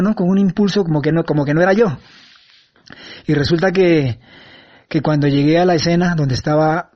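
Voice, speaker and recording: A man giving a first-person eyewitness account, halting and earnest, with frequent restarts. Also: fairly high pitch, a little mellow. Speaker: eyewitness recounting an event. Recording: dull lo-fi sound.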